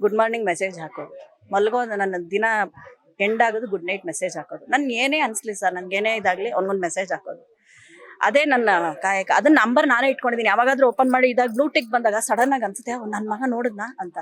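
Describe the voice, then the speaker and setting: A middle-aged woman, an actress, speaking emotionally in an interview, sometimes tearful, with pauses and restarts. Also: mid-range voice.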